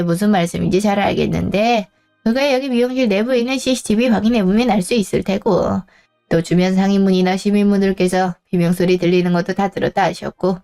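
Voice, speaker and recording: A woman voicing a polite police officer in a dramatized story, speaking formally in a lowered, even tone. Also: lightly acted.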